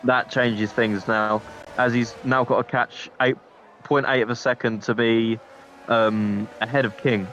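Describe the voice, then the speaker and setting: A man's voice: medium pitch, level tone, unhurried, a bit bright, muffled recording, a little hiss or hum. A man co-commentating on motorsport, giving casual, opinionated analysis and conversational reactions to the race.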